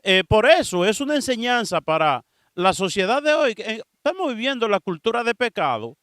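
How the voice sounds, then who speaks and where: A man's voice: high-pitched, moderate pace, no room sound, clean studio sound. A priest preaching a sermon, telling Bible stories and speaking straight to his listeners. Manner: preaching with lively storytelling, acting out dialogue; addresses listeners directly.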